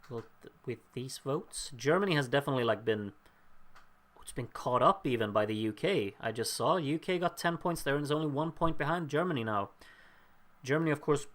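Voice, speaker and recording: A male livestream host whose voice is going, and sounds slightly worn, chats casually about vote results and reads off viewers' names with wry quips. He speaks at a medium pitch with a fairly bright tone.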